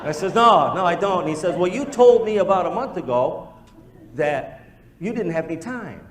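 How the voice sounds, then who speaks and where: In an echoey room, a male business presenter with a high-sitting voice speaks at a normal pace, animatedly telling stories to a live group as part of a motivational talk and acting out the conversations he quotes.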